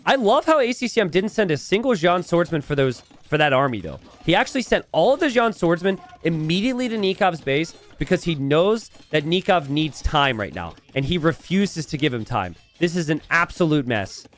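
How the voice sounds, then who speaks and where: A man's voice: a little high, big pitch swings, soft background music. A man giving live esports commentary on a strategy game as a caster, drawing out key phrases for emphasis. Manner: esports caster delivery, stressing key phrases with drawn-out words.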